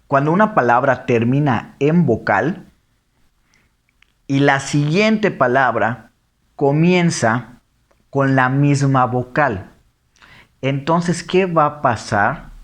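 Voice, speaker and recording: A man explaining diction errors in a lesson, reading example phrases slowly and then quickly. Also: mid-range voice, lively intonation. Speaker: teacher. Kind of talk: lecture on diction.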